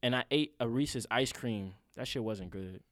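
A man with a mid-pitched voice banters casually as a podcast co-host. He has a brash frat-bro manner, full of slang and teasing, and is recorded dry and close. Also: normal speed, fairly bright tone, dry recording. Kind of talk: casual banter among friends.

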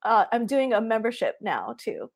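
A woman's voice: on the high side, sing-song, moderate pace. Friendly giggly woman from Hawaii. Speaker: artist guest. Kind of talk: casual interview answers.

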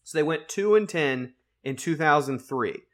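A man co-hosting a casual sports betting podcast, rambling and animated, with plenty of likes and restarts. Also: fairly high pitch, moderate pace. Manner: rambling and animated, heavy on fillers. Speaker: podcast co-host and betting analyst.

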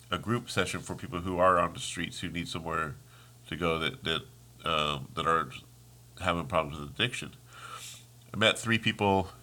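A low-pitched man with a sharp tone hosts a solo podcast, sounding congested and sniffly. In a casual monologue he rants heatedly and rambles, often trailing off before starting again.

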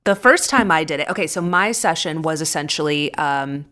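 A woman with a slightly low voice speaks openly in casual podcast talk, telling her own story with feeling. She is expressive and quick to laugh, and she is frank about her experiences. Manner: open, expressive, laughs often. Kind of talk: candid personal storytelling.

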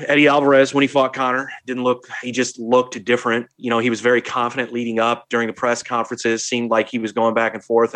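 A man's voice: mid-range voice, a bit bright. A man co-hosting a podcast, talking casually and rambling with many restarts. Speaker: podcast co-host. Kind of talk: casual chat.

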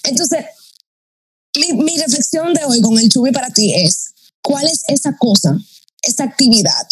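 A woman's voice: sits high, lively intonation, moderate pace, breathy edge, no echo, low-quality recording. A woman from the Dominican Republic with a Dominican Spanish accent, an entrepreneurship mentor and podcast guest telling her own story and acting out her inner dialogue. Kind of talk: podcast conversation, personal storytelling.

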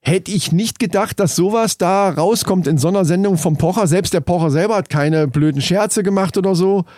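A man's voice: high-pitched, moderate pace, a little mellow, no room sound. A man with a slightly raised voice talks in loose podcast chat. He rambles, breaks off and restarts sentences, and drops a casual swear word. The sound is close and dry.

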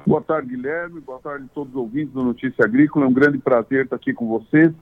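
A man from Santa Catarina, speaking over a landline phone as a farm association president in an interview, plain-spoken with halting restarts. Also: medium pitch, fairly even intonation. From Santa Catarina, Brazil. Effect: over a landline phone line. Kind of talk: phone interview, casual explanation. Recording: tinny dry phone line.

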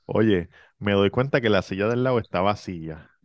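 Low-voiced man telling a story. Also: moderate pace, dry recording, dull audio. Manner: animated, acts out the people in his story. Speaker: podcast host. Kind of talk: casual storytelling chat.

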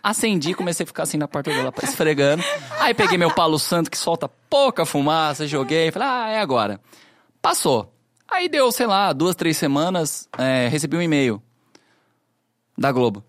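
A man's voice: fairly high pitch, very animated, normal speed, a bit bright, no room sound, studio quality. A man, a podcast guest, telling a story in casual chat and mimicking the people in it.

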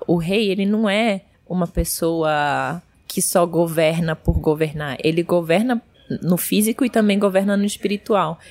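Expressive Brazilian woman telling a story. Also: fairly low pitch. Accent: Brazilian Portuguese. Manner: expressive, acts out voices in her stories. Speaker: guest. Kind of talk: animated storytelling.

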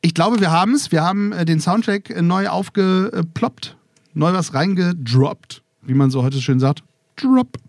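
In a festival recording room, a podcast host from Germany chats playfully with a live audience and keeps wandering off topic. He has a high, animated, unhurried voice, captured dry at studio quality.

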